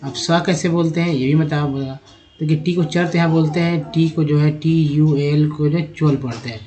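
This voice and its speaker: A man with a slightly higher than usual voice teaches an English lesson, stretching out letter sounds one by one. He works through word lists in a steady, explanatory way, calling his viewers friends as he goes. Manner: slow, drawn-out spelling and sounding out of words.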